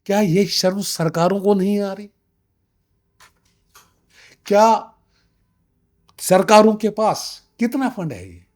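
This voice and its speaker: Taking it slowly, with long pauses, a high-voiced man with a darkish tone gives interview testimony. He's about sixty, from Kashmir, and represents his community, speaking insistently, posing rhetorical questions, and slipping into English at times.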